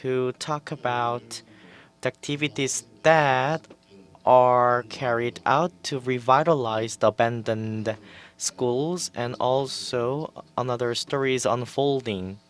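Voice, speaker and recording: A man presenting at an online forum, speaking haltingly with fillers and restarts. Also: medium pitch. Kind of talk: conference presentation in English. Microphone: webinar microphone.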